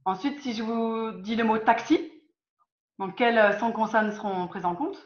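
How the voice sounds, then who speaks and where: A woman leads an online lesson on a video call, her voice sitting a little high. She quizzes her students patiently, often restarting or repeating a phrase. The sound is roomy and dull, like lo-fi call audio. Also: normal speed. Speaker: teacher.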